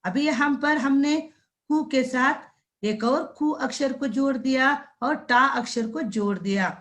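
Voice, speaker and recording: A woman with a fairly high voice gives a slow, unhurried classroom lesson. She breaks words into single syllables and repeats them, and she keeps turning to the children to check they have understood. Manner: drawn-out syllable-by-syllable pronunciation drills. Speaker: primary school Hindi teacher.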